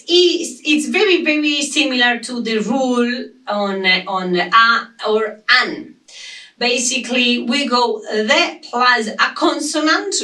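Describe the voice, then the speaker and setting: Slow, emphatic woman teaching English. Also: a little high, bright, forceful tone, recorded from a distance. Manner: slow, emphatic, repeats example sentences. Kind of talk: online English grammar lesson. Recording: roomy echo, voice off-mic.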